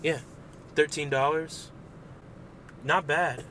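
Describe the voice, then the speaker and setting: A man's voice: a little high, steady tone, takes it slowly, pushed and bright, slight background noise. A man chatting casually about food, rambling and joking with many fillers.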